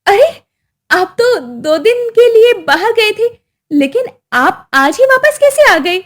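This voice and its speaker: A woman's voice: very high-pitched, very animated, slow, a bit bright, pitched above the performer's own voice, exaggerated voice. A woman voicing a scheming, cruel young daughter-in-law in a storybook tale, talking in a sly, scolding way. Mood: sharp.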